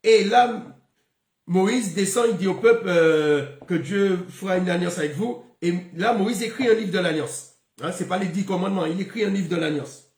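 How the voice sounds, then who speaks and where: A man's voice: sits high, normal speed, a little mellow, echoey room. A man giving a spoken Bible lesson, stopping often with fillers and repeated words. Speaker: Bible teacher.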